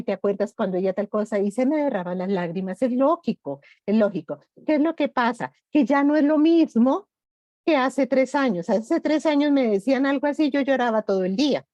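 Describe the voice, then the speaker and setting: A middle-aged woman speaking gently and reflectively in an online grief workshop. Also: fairly high pitch, no room sound. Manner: gentle, reflective, personal examples.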